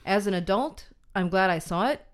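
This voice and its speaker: A woman's voice: mid-range voice, expressive, moderate pace, noisy background. A woman co-hosting a film podcast, chatting casually and hesitantly with many fillers and restarts. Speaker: podcast co-host. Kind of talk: casual film review chat.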